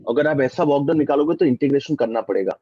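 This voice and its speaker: Husky-voiced man teaching a physics class. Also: mid-range voice, expressive, quick pace, dark tone, no echo. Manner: mixes Hindi and English, quizzes students often. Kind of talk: online class lecture. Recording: dull dry lo-fi mic.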